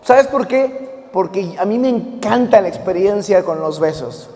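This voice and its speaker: A man preaches from a church hall, his voice sitting unusually high for a man. He keeps throwing questions at the congregation and calling for them to repeat phrases back. Long reverb trails after each phrase. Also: a little slow. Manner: lively call-and-response preaching with many questions to the congregation. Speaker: pastor. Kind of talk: sermon.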